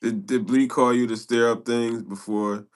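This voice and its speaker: A man's voice: mid-range voice, fairly even intonation, normal speed. A man hosting a casual podcast chat who asks teasing, prodding questions in street slang.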